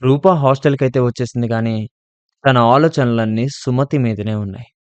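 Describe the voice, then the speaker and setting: A man narrating a scripted horror story in a steady, measured way. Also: mid-range voice, clear, resonant tone, dry recording, lo-fi sound.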